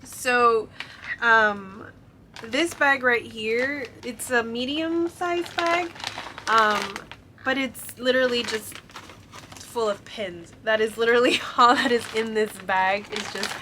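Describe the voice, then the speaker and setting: A young woman with a cold goes through a shopping haul in a casual vlog, speaking slowly in a slightly high, stuffy voice. Fillers like "um" and "like" pepper her chat. The background is noisy.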